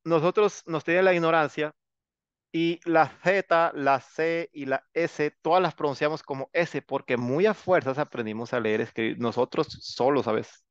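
A male English teacher gives an online class in a chatty, teasing way and coaxes quiet students to speak up. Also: fairly high pitch, moderate pace, clear, resonant tone, no echo. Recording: dull, dry lo-fi sound.

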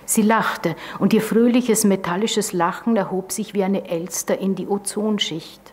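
Husky woman giving a literary reading. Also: mid-range voice, fairly even intonation, unhurried, a little mellow. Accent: Austrian German. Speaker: author reading.

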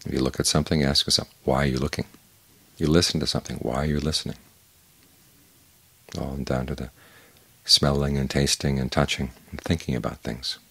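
An older man, a Buddhist monk, giving a calm, measured evening Dhamma talk with unhurried pauses and a husky voice. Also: a bass voice, dry recording.

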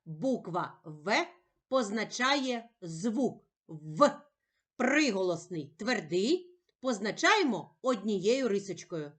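A woman teacher speaking slowly and carefully in a sing-song voice, giving a reading lesson for young children. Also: medium pitch, big pitch swings, a bit bright. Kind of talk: slow, clearly articulated children's reading lesson.

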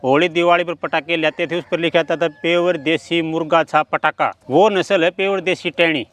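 A middle-aged man's voice, a little high and a bit bright, stays steady at a moderate pace as he earnestly explains his poultry farming step by step. The interview is outdoors on the farm, surrounded by chickens clucking and crowing. A handheld microphone captures him from mid distance.

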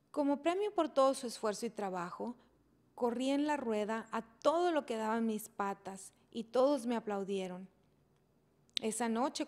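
A woman reading a children's chapter book aloud in a gentle, steady storytelling manner. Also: fairly high pitch. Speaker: reader.

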